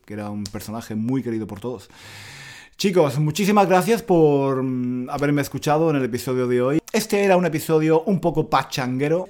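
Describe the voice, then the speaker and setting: A man from Spain hosts a relaxed podcast lesson, animated and prone to laughing. He repeats each word patiently so learners can follow. His voice sits at an ordinary middle pitch. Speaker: Spanish teacher podcast host. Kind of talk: casual explanatory podcast lesson.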